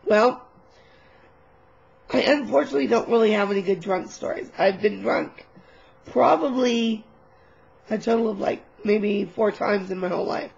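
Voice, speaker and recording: A woman vlogger telling a personal story in a casual, animated, candid way, swearing now and then, on a webcam mic. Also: mid-range voice, moderate pace, gravelly, pauses often, breathy edge, lo-fi sound.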